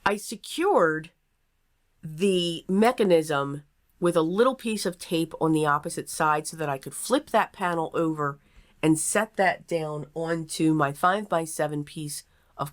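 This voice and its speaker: A woman hosting a casual craft tutorial in an echoey, sparsely furnished room, explaining each step aloud in an unhurried way. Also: deep voice. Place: small table in a nearly empty craft room.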